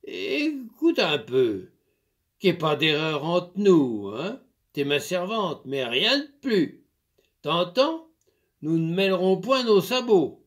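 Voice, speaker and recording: A man voicing a gruff, bullying old farmer master who bellows and swears in rough rustic speech, in a storybook reading. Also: sits high, very animated, slow pace, voice pushed up, full character voice. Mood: gruff commanding.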